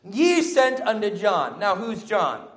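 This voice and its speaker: A man's voice: high voice, big pitch swings, takes it slowly. A man preaching a sermon, exhorting emphatically with repeated short phrases and rhetorical questions.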